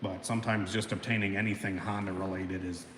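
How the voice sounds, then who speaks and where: It's a low, fairly quick male voice, a bit bright, with little movement in pitch. The speaker, in his thirties, runs a relaxed live-stream chat from his home garage, alone near a car lift, reading comments, rambling, swearing and laughing. The recording is echoey with faint background noise.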